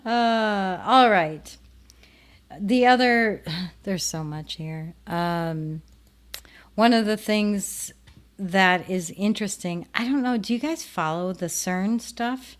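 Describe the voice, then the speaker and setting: A show host with a Minnesotan accent speaks slowly in a medium-pitched voice, chatting casually with her viewers and rambling until her thoughts trail off.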